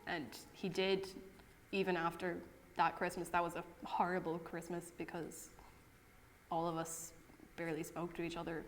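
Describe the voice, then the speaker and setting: Brief: young woman interviewee, hesitant, low flat voice. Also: normal speed, long reverb tail, a little hiss or hum. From Ireland. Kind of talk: documentary interview.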